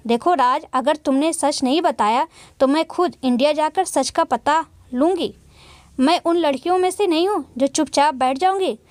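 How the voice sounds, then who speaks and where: A woman's voice: high-pitched, no room sound, close to an everyday voice. A woman voicing a suspicious, fiery young wife in a storybook reading, demanding and intense.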